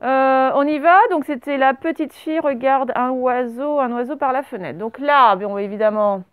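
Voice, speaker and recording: A woman teaching a primary class, dictating words slowly and spelling them out letter by letter. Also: sits high, clean tone, dry recording. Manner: slow, over-articulated dictation of words.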